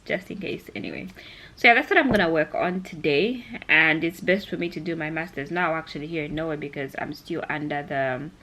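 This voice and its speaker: A young woman from Zambia addresses the camera in a relaxed vlog, talking a little fast in a low voice that sounds pushed and bright. Her chat wanders and loops back on itself, and there's a faint hiss or hum.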